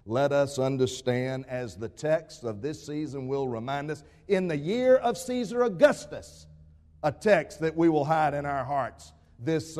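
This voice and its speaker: A pastor preaching a dramatic sermon, full of rhetorical questions, rising to a raised voice and dropping to a hush. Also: male voice, mid-range voice. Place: church sanctuary. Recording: long reverb of a church sanctuary.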